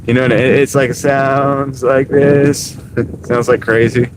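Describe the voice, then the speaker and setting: A man's voice: flat delivery, slow pace. Man's voice warbling like talking into a fan. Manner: laid-back, says "dude" a lot, laughs easily. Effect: voice shaking and warbling from a bumpy ride, like talking into a fan. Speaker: delivery driver vlogger. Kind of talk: casual chat while driving. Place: inside a moving car on a rough country road. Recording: road rumble and wind noise on mic.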